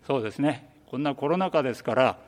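A man who leads a reading club, answering interview questions calmly with some hesitant fillers. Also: mid-range voice, fast. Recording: long reverb.

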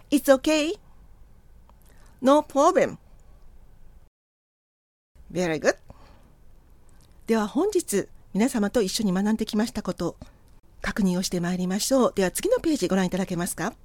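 A woman's voice: high voice, darkish tone, dry recording. Polite woman teaching English. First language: Japanese. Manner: models English phrases slowly for learners to repeat; polite, encouraging teacher's Japanese. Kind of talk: lesson on polite English for customer service.

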